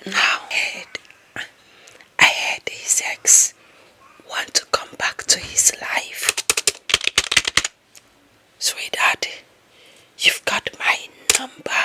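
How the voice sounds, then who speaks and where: This breathy, whispered ASMR roleplay features a woman with an African accent as a possessive, lovestruck young office employee. She coaxes and fawns with slow emphasis in a mood of conspiratorial coaxing.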